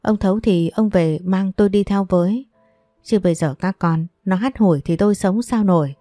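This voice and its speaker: A woman's voice: mid-range voice, moderate pace, no echo, clean studio sound, soft background music, close to an everyday voice. A woman voicing a scornful, nagging older mother-in-law who complains theatrically. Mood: wailing. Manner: sharp and wailing, theatrical complaints.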